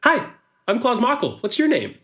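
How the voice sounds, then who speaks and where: A strange, cheerful young radiant who speaks in a cracking falsetto. He stammers and restarts, always eager and flustered. His voice swoops high and wide. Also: huge pitch swings, moderate pace, pushed and bright, roomy sound, exaggerated voice. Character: odd cheerful male radiant, hangs by toes.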